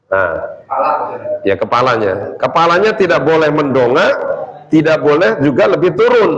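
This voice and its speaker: A man giving a relaxed religious study lecture, explaining points and checking in with listeners with rhetorical questions. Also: a little high. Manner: explanatory, frequent rhetorical "ya" and "gitu kan". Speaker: Islamic study teacher. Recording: echoey, slightly dull lecture recording.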